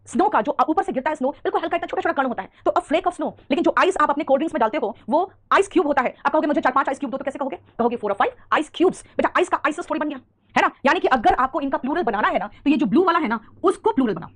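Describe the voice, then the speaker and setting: Fast-talking Indian woman teaching English. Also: sits high, expressive. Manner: fast, scolding-affectionate, calls students "beta". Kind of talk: online grammar class.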